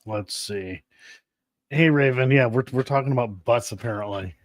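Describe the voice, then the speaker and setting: A man's voice: mid-range voice, normal speed, dry recording, studio quality. A man co-hosting a live stream, chatting casually in a rambling, joking way with some swearing. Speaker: podcast co-host.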